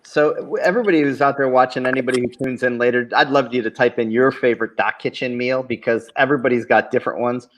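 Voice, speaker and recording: A man's voice: mid-range voice, steady tone, quick pace, hardly any pauses, a little hiss or hum, poor audio. A man hosting a casual show chat, upbeat and asking guests questions. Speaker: host.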